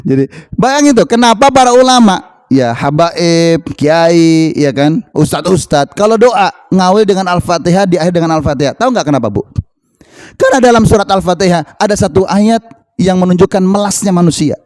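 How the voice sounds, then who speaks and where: High-voiced preacher with Tegal Javanese accent. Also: male voice, lively intonation, moderate pace, darkish tone. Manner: joking, teasing the congregation, chants Arabic verses. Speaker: ustadz preacher. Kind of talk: sermon at a Sunday morning study gathering.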